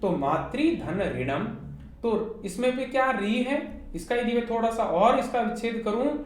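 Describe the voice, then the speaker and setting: In an online class, a woman with a Hindi accent lectures at a slow, patient pace, using rhetorical questions to guide students through every point in turn. Her intonation lifts and dips animatedly. Faint noise sits behind her in a very echoey recording.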